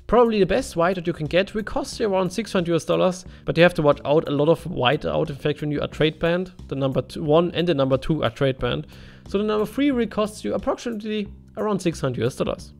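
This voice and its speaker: A man's voice: a little high, fast talker, vocal fry, soft background music. A man from Germany with a German accent, giving an informal voice-over commentary as a video creator. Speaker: video creator narrating a game item list. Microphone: voice-over over game footage.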